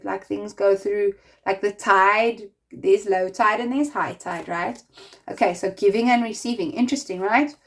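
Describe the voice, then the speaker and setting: Chatty woman giving a gentle tarot reading. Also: medium pitch. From not American. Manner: chatty and rambling, full of "like" and "right?"; encouraging, speaks straight to the listener. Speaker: tarot reader. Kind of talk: casual spiritual tarot reading to viewers.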